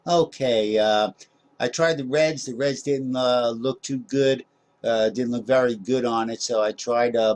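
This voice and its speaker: A tutorial host casually narrates a screen-recorded software walkthrough, rambling with lots of fillers and small self-deprecating jokes. His voice is mid-range.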